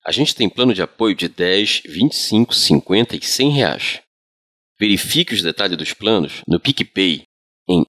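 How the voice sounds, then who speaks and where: A Brazilian man narrating as a podcast storyteller, with a sultry, deliberate, dramatic delivery of scripted horror tales. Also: low voice, a bit bright. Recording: music bed behind voice. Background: background music.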